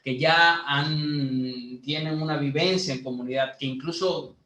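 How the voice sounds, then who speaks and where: Male lay preacher from Bolivia, unhurried teaching sermon, echoey room sound. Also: fairly high pitch, pushed and bright. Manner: slow, teaching tone with many fillers, rising to emphatic preaching. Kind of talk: sermon to a youth group.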